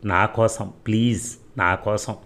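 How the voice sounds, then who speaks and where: A man's voice: lowish voice, fairly even intonation, slow, fairly bright tone. A man voicing an emotional young woman who pleads and begs. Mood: pleading.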